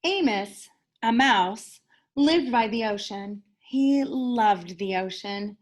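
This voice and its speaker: Reading a picture book to children like a teacher at story time, a woman with a fairly high voice goes slowly. She's enthusiastic and expressive, stressing key words dramatically.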